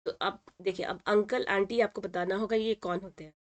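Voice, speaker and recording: A woman's voice: medium pitch, fairly even intonation, brisk. Patient woman teacher explaining a lesson. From India. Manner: patient, repeats words and says "ठीक है" often. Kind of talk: explaining a textbook lesson in Hindi.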